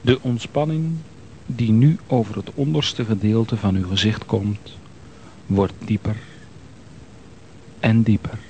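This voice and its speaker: A man calmly leading a guided progressive muscle relaxation exercise, giving slow, soothing instructions. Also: lowish voice, a little hiss or hum, poor audio.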